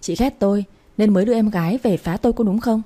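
A woman's voice: mid-range voice, fast, close to an everyday voice. A woman reading a furious jealous wife. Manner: snarling, shouting insults.

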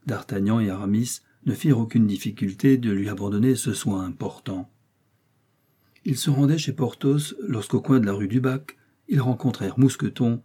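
A man reading a classic novel aloud in a measured, even storytelling manner. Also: lowish voice, husky. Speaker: audiobook narrator. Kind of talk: scripted narration.

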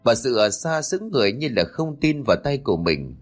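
A man narrating an audiobook story in a dramatic, expressive storytelling manner. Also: mid-range voice, a little fast, soft background music.

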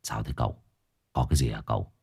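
A man doing a sly sidekick in a low mutter. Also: quick pace, slightly rough, full character voice. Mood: hushed. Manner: very soft, low whisper-like mutter. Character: sly young male sidekick, whispering.

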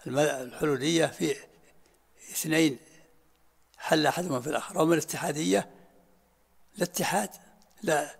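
A man's voice: fairly high pitch, a little fast, vocal fry, pauses often, slightly rough. An older man teaching a religious lesson in short, repeated phrases and answering students' questions.

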